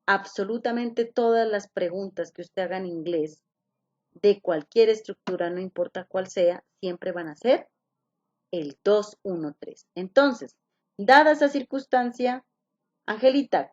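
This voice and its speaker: A woman with a medium-pitched, darkish voice teaches English over a video call at a moderate pace. She patiently walks through each step, repeats the key points, and keeps asking her students questions, all over slightly muffled call audio.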